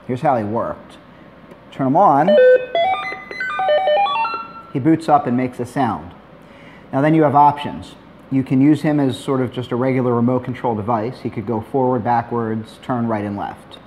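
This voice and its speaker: Middle-aged male tutorial host, mid-pitched, easygoing and plainspoken, faint noise behind. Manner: relaxed, plainspoken, dry asides. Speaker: maker demonstrating a robot build. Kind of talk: tutorial narration.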